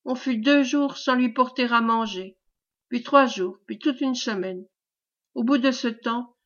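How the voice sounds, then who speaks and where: Earnest peasant guy telling a dark story, read by a woman, kinda high voice, muffled sound. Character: humble peasant man telling a grim tale, fervent. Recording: dull lo-fi recording.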